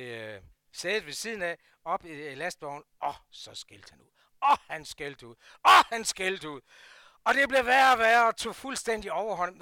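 An older man with a Jutlandic Danish accent telling a personal story from his working life, swinging between loud bursts and hushed asides. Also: high voice, dry recording, studio quality. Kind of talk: personal anecdote.

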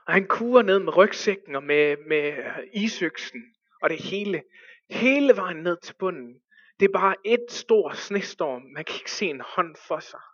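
A man telling a story as a sermon, with hushed dramatic pauses that rise to urgent cries. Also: fairly high pitch, no echo, muffled recording.

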